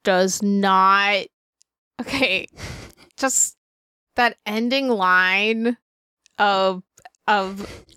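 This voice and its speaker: A woman co-hosting a podcast, chatting in an animated, wry, joking way. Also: mid-range voice, clear, resonant tone, no echo, clean studio sound. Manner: animated, wry and quick to joke. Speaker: podcast co-host. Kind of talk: casual chat.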